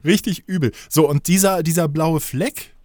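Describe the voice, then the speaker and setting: A man's voice: a little high, normal speed, a little mellow, no echo. A man co-hosting a podcast, telling rambling, joking stories in casual banter. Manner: joking storyteller, playful and rambling. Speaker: podcast co-host.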